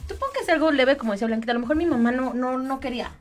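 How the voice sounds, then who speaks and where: A woman's voice: sits high, rapid-fire. A woman co-hosting a casual radio chat show, laughing often and turning to her listeners with questions. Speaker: radio co-host.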